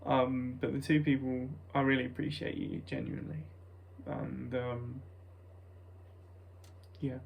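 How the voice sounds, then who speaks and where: A man's voice: medium pitch, flat delivery, measured pace, creaky, long pauses, slight background noise. A young British man with a nasal voice rambles casually to his vlog viewers, hesitant and self-conscious, often breaking off mid-thought. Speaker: vlogger.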